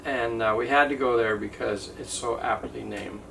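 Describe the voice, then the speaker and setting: Gravelly, bright-toned joking man. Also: medium pitch, steady tone, normal speed. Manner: jokey, rambling storyteller with many fillers. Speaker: travel vlogger. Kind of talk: casual chat. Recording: distant mic with faint ambient noise.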